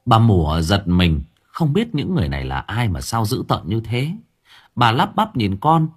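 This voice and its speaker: A man narrating an audiobook story in an expressive, dramatic reading style. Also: on the low side, moderate pace, husky.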